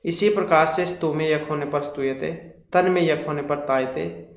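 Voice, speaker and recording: A man leads an exam-prep grammar lesson, working through each question in careful steps and rattling off long lists of terms. His voice sits a little high. The room around him rings with echo. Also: steady tone, moderate pace. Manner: explains step by step, lists terms in runs. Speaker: teacher.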